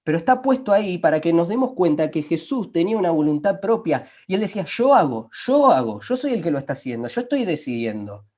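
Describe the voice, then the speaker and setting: A man preaching a sermon, emphatic, slowing down to quote scripture and asking his listeners rhetorical questions. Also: on the high side, very animated, dark tone. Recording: dull lo-fi recording.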